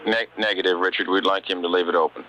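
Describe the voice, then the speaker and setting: Over a dull radio link with faint hiss, a male mission control communicator addresses the crew in an air-to-ground exchange. He speaks fast and steadily in a deep voice with a sharp edge.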